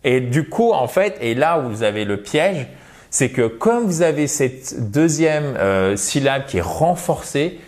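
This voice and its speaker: Man, video lesson, talks straight to viewers, spells out English words slowly. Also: mid-range voice. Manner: lively, addresses viewers directly, models English words slowly. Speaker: English teacher.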